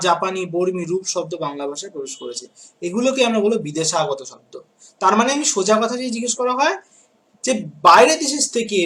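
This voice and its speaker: A man's voice: sits high, a bit bright. A man from West Bengal teaching a school grammar lesson, repeating key words and checking with the pupils as he goes. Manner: lists examples slowly word by word.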